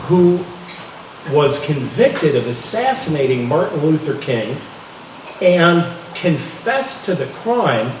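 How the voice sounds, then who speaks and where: A man's voice: on the high side, darkish tone, a little hiss or hum. A man hosting an interview, prompting his guest with conversational questions. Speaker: interviewer, host. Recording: distant mic in echoey room.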